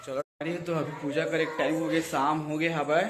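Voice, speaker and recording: A man's voice: fairly high pitch, level tone, a little fast, noisy background. A man with a Chhattisgarhi accent narrating a casual family vlog outdoors, chatting to viewers as friends while showing his home. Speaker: vlogger host. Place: outdoors around a house and rooftop. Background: background music.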